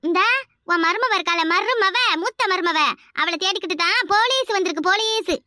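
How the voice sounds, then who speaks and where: A scheming young daughter-in-law in a cartoon, voiced by a woman, sly and eager to stir trouble. She speaks fast in a very high, bright voice with a Kanyakumari Tamil accent. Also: no room sound. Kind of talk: cartoon voice acting.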